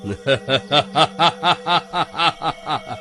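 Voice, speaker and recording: A man voicing a hungry, vengeful male ghost in a cartoon horror story, with drawn-out threats and evil laughter. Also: on the high side, lively intonation, a bit bright, soft background music, full character voice. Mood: gloating. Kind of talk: cartoon voice acting.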